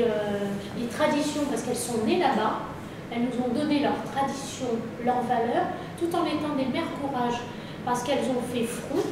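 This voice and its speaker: Earnest middle-aged woman, distant and echoey. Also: high voice. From France. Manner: earnest, hesitant, many pauses and restarts. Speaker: interviewee. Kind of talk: personal testimony in conversation. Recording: echoey room, distant mic, background noise.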